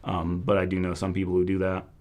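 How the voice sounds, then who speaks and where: Deep voiced guy answering questions live, casual, thinks out loud and hedges a lot. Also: monotone, quick pace. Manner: hedging, thinking aloud. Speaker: host of a Chinese medicine Q&A.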